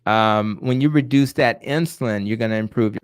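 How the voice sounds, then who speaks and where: A man's voice: fairly low pitch, fairly quick, clear, resonant tone, no echo. A man lecturing over a video call while his audio breaks up into glitchy dropouts that chop his words apart. He sounds emphatic and drives his points home by repeating phrases. The signal is dry and close, with no room sound. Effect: video-call audio dropping in and out, glitchy. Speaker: doctor guest.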